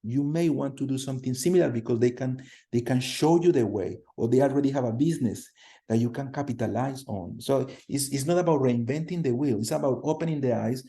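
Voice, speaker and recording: Man from Colombia, teacher on a video call, energetic, repeats himself, mellow low tone. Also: a little fast, vocal fry. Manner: energetic, repeats words, asks the class questions. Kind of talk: online class lecture. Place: home room on a video call.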